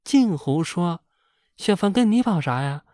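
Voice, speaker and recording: A quick-tempered young wife speaks high and sharp, as a male narrator puts her on. Her pitch leaps around. The sound is close and dry. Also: animated, dry recording. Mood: scolding.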